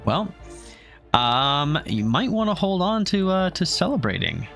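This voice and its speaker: A man's voice: a little high, big pitch swings, measured pace, gravelly, fairly bright tone, faint music behind. A man running a homebrew tabletop game as game master, narrating with many fillers and restarts.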